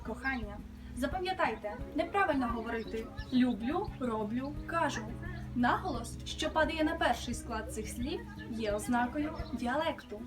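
A woman with a high voice explains a language lesson in a measured, scripted way. She sits a little back from the mic, with loud music playing underneath. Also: lively intonation, distant mic.

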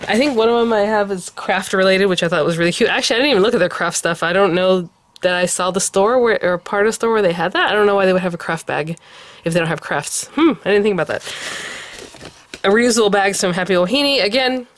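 With a mid-range voice and a fast pace, a Californian woman vlogger excitedly chats through her shopping haul at a craft table. Her casual show-and-tell rambles with fillers and laughs, and there's slight background noise.

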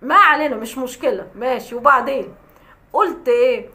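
A woman's voice: high voice, animated, a little fast, sharp tone. A woman with an Egyptian accent, a vlogger ranting at a critic in a sarcastic, scolding way with scornful laughs. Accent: Egyptian Arabic. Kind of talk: mocking rant to camera.

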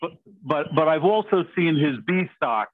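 A man's voice: on the high side, animated, moderate pace, no echo. A man hosting a meeting in jokey, rambling casual chat over a video call. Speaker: meeting host. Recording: tinny video-call audio.

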